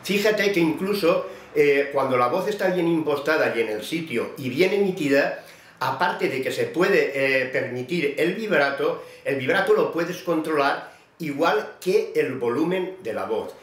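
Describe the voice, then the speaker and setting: A man's voice: a little high, lively intonation, a little slow. Patient male voice teacher, echoey room. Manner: patient, explanatory, addressing a student by name. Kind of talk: vocal technique lesson.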